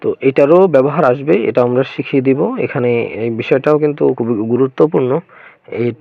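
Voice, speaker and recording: A man's voice: medium pitch, fairly even intonation, quick pace, gravelly, no echo. Man teaching over tinny, phone-like audio. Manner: patient, methodical spelling-out drills, letter by letter. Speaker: Quran teacher. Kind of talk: online Quran reading lesson.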